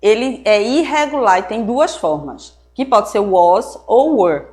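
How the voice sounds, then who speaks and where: A woman's voice: on the high side, animated, unhurried, a little mellow. A woman English teacher with a Brazilian Portuguese accent, explaining grammar step by step at a board. She often checks understanding and drops English words into her explanations. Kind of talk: recorded classroom lesson.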